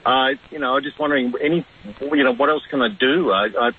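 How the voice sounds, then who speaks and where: A man in his fifties calling a radio show on a speakerphone, talking hesitantly with many pauses and fillers. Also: medium pitch, breathy edge. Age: 50s. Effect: on a speakerphone over a phone line. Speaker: caller. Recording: tinny phone line with faint hiss.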